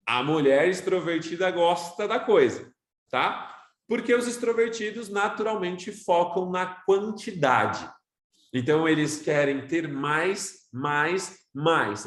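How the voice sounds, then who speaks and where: A Brazilian man teaching an online course, lively and loud, constantly shifting his tone and pace as he lectures his students. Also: fairly high pitch, roomy sound. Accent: Brazilian Portuguese. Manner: animated, talks loud, varies his tone constantly.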